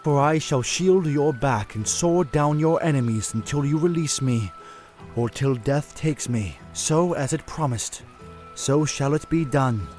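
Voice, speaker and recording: A man's voice: on the high side, animated, a little slow, darkish tone, faint music behind. A man playing a tall, noble, boastful prince of fish-folk in a fantasy audio drama, declaiming in a grandiose, proud way. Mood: solemn, vowing.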